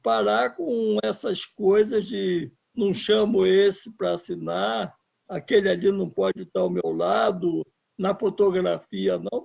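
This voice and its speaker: A man's voice: high voice, creaky, darkish tone, husky. A man in his seventies from Brazil, a filmmaker speaking in an interview with impassioned, emphatic talk. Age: 70s. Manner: impassioned, emphatic, restarts words. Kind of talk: political interview.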